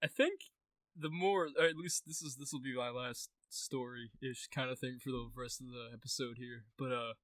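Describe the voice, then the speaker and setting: A young man co-hosting a podcast, telling a story casually, animated, swearing often and restarting his sentences. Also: mid-range voice, moderate pace, no room sound. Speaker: podcast co-host.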